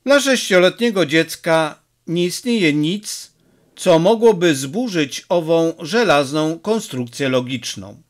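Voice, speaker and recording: A man narrating an audiobook story in measured storytelling. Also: fairly high pitch, animated. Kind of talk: scripted narration.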